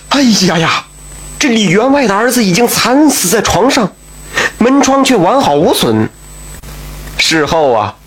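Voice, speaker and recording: A man's voice: high voice, fairly bright tone, slightly rough. A man telling a folk tale in a chatty, colloquial way, with asides and exclamations. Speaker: storyteller.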